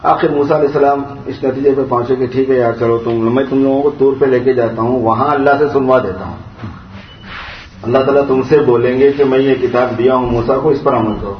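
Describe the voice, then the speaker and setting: A man delivers a storytelling sermon to listeners in a prayer hall. He drops into slow, measured recitation of Arabic verses, explains them in plain talk, and his voice climbs higher when he scolds. The recording is roomy and distant, with a dull, muffled tone. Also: fairly even intonation, a little hiss or hum. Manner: rises in pitch when scolding. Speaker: preacher.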